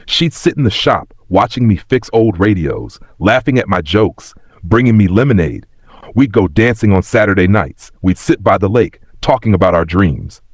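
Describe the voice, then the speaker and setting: A man voicing a wistful, regretful very old man of ninety who tells of his past in a reflective, plain-spoken, husky voice in a story. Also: on the low side, animated, normal speed, dry recording. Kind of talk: scripted story reading.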